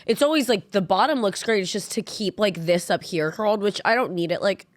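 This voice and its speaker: A young woman co-hosting a podcast while sick with a cold, with congested vocal fry, rambling with lots of "like". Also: medium pitch, a little fast, dry recording. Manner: rambling, heavy use of "like". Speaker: podcast co-host. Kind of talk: casual chat.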